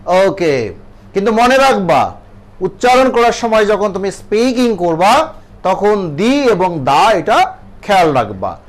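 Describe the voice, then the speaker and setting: A man's voice: high-pitched, sing-song, takes it slowly. A man with a Bangladeshi accent teaching an English grammar lesson to children, asking questions and answering them himself. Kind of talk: classroom lesson.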